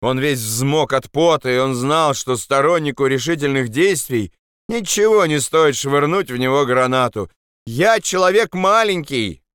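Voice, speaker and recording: A man reading a story aloud as narrator in a steady, measured way. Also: mid-range voice, clean tone, no room sound, studio quality. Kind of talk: scripted audiobook narration.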